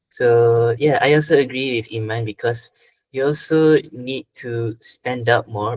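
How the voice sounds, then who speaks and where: A man's voice: medium pitch, poor audio. A man with a Malaysian accent moderating an informal event, introducing and thanking speakers.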